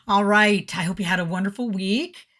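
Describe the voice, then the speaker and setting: A woman's voice: medium pitch, fairly bright tone. A middle-aged woman and motivational speaker, giving an upbeat, earnest, encouraging video message.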